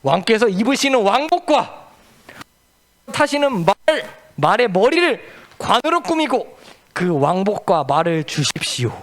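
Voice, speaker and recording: A man's voice: very high voice, a bit bright, voice pushed up, heavily acted. A man voicing a proud, scheming royal official who talks smugly about the honors he wants. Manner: smug, boastful, scheming inner talk.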